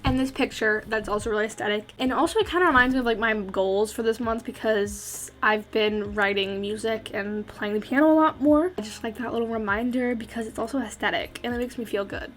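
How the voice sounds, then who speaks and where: Teen girl, fairly high voice, out of breath, chatty, filler-heavy casual voice-over. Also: fairly quick, few pauses. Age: teens. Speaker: vlogger.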